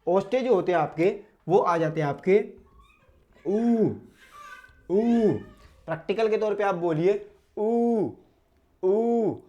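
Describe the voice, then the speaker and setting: A man teaching an online Hindi lesson, demonstrating each vowel sound slowly and aloud, and asking questions he then answers himself. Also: sits high, darkish tone, lo-fi sound. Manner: drills sounds aloud, asks and answers his own questions.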